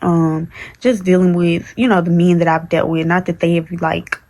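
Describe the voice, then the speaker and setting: A woman in her early twenties with talks candidly in a rambling vlog chat, full of fillers and restarts. Her voice sits low and stays fairly flat in pitch throughout. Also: moderate pace. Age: 20s. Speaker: vlogger. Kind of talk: casual chat to camera.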